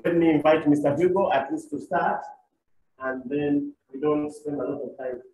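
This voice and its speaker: A man's voice: a little high, a little mellow. Man introducing a speaker from far off. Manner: formal, halting host remarks. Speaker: event organizer. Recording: echoey room, far from the mic, faint noise.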